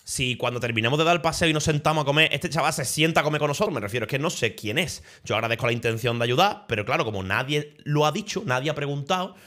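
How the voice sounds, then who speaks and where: A young man from Spain with a Spanish accent, telling a travel story in an animated, swearing, laughing way, as a streamer in casual chat. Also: fairly high pitch, quick pace, hardly any pauses.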